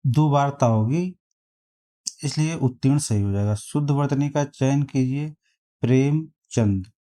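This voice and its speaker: A man teaching a spelling lesson, reading out quiz options and repeating each word slowly to compare them. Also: mid-range voice, warm tone. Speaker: exam prep teacher.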